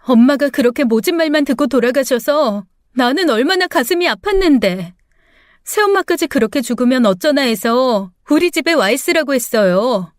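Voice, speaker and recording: A woman voicing a grown daughter who is bitter and defiant toward her father, with sharp, accusing, tearful protests. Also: high-pitched, sing-song, moderate pace, no echo, studio quality. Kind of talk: radio drama acting.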